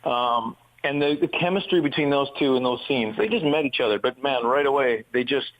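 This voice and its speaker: Here the same comedian-actor guest talks a little fast, his medium-pitched, somewhat bright voice full of lively intonation. Self-deprecating and joking, he performs his anecdotes during the relaxed radio chat, captured with lo-fi sound.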